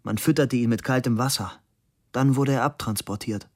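A man narrating an audiobook in a lively, expressive reading voice. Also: medium pitch, moderate pace.

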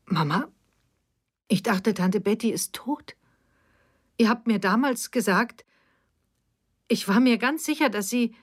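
Eine Vorleserin spricht eine verzweifelte junge Mutter. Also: female voice, on the high side, slow, pauses often, breathy edge. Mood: pleading. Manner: pleading, rising to shouting. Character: distraught adult daughter, a young mother.

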